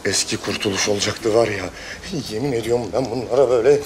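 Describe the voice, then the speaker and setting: An actor playing a blustering restaurant owner who mangles English, loud and boastful. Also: male voice, lowish voice, fast, over music, close to an everyday voice. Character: boastful middle-aged kebab shop owner man. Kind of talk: sitcom acting.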